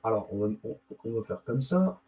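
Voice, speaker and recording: A man's voice: fairly low pitch, very animated, moderate pace, a little mellow, rough recording. A man hosting his own video channel, rambling and interrupting himself as he muses aloud and mutters while he looks things up on screen. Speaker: YouTube host. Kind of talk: casual screen-share commentary.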